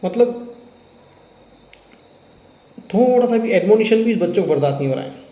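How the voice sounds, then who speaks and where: A man talks through a clinical case study in a teaching tone, mixing in terms and acting out quoted remarks. His voice sits a little high but sounds mellow. The room gives it a noticeable echo. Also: animated, normal speed. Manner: explanatory, retells a case with quoted dialogue, mixes English terms. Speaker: homeopathic doctor.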